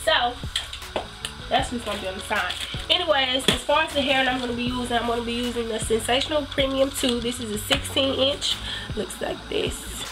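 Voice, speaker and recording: A woman with a stuffed-up nose chats her way through a tutorial at home in a slightly high voice. She rambles easily and fills her pauses with ums. Music plays clearly in the background while she talks to the camera. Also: rough recording. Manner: chatty, rambling, many ums. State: stuffy from a cold. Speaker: hair vlogger. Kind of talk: casual tutorial chat.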